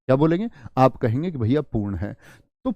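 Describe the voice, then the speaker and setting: A man's voice: mid-range voice, expressive, fast talker, no echo, dull audio. A man teaching a beginner lesson, repeating phrases, asking the class questions and acting out the students' imagined replies.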